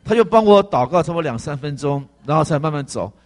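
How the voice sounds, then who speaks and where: A male pastor giving a conversational testimony sermon, animated and full of fillers. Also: a little high, fast talker.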